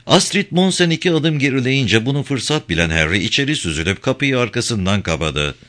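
A man reading a crime novel aloud as the narrator, in an expressive storytelling manner. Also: medium pitch, fairly quick. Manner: expressive reading with voiced dialogue. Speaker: audiobook narrator. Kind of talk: scripted narration.

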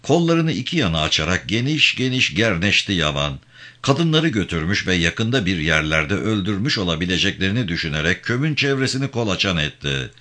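A man narrating a novel as an audiobook, with measured storytelling and vivid emphasis. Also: low-pitched, sing-song, pushed and bright.

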